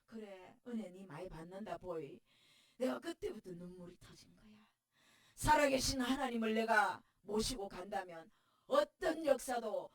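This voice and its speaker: Woman pastor, Gyeongsang accent, tearful shouting sermon, high voice, distant mic. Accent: Gyeongsang dialect. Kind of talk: emotional testimony sermon. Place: church sanctuary.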